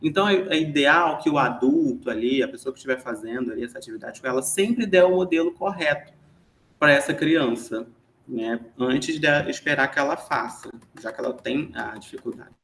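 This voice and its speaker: A man's voice: medium pitch, fairly quick, a bit bright, roomy sound. A man with a Brazilian Portuguese accent giving an explanatory online lesson, chatty and full of tag questions. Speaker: teacher giving an online class.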